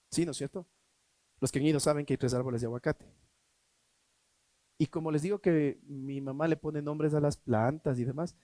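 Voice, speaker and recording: A man preaching a sermon as pastor, emphatic, swinging between loud and hushed, asking rhetorical questions. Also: fairly high pitch, dry recording. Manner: acts out quoted voices in a mocking tone.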